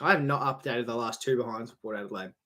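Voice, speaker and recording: Calling a football match on a live stream, a young Australian man talks quickly in a mid-range voice. He's chatty and rambling, swears freely, and his volume rises on goals.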